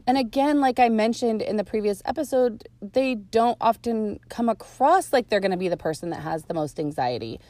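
A woman's voice: on the high side, animated, normal speed, few pauses, a little mellow, no echo. Teasing woman hosting a podcast. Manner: teasing, playful. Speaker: podcast host. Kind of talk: casual chat.

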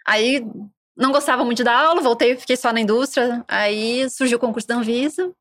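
A woman with a softened accent from Rio Grande do Sul, guest on a podcast, telling her story in a relaxed way with frequent tag questions. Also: fairly high pitch, fairly quick, dry recording, studio quality. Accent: southern Brazilian (Rio Grande do Sul), softened. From interior of Rio Grande do Sul, Brazil. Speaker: guest, regulatory specialist. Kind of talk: casual podcast interview. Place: podcast table at an office.

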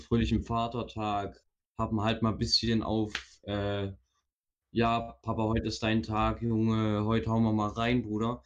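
A young man co-hosting a casual live stream, joking and hesitating with drawn-out exclamations. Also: on the low side, dull audio. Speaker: stream co-host. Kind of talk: casual chat.

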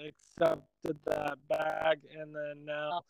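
A man's voice: fairly high pitch, monotone, drawn-out words, vocal fry, clear, resonant tone. A man co-hosting a casual football chat, heard over a call that keeps cutting out. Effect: voice over a call that cuts out. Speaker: co-host.

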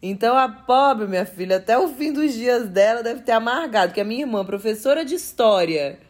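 A woman's voice: fairly high pitch, lively intonation, fairly quick. A woman guest in a casual interview, speaking frankly and conversationally in a firm, projected voice.

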